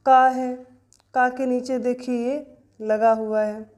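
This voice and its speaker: A woman's voice: high voice, flat delivery, takes it slowly, a little mellow. A woman teaching an exam-prep grammar lesson, explaining step by step and answering her own questions.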